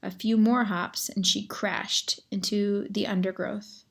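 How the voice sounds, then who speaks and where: A woman reading a children's novel aloud as narrator, measured and expressive, sometimes addressing the reader directly. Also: medium pitch, gravelly, husky.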